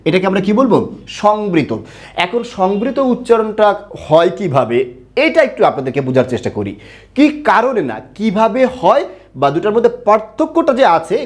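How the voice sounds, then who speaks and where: A man teaching pronunciation in an online lesson, asking questions and answering them himself, drawing out words to show each sound. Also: high voice. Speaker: Bengali grammar teacher.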